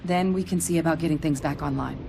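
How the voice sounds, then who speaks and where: In a video game, an actress plays a tough, terse female field operative, issuing tactical orders in a businesslike, measured manner. Her voice is low, creaky and dark, with faint music behind.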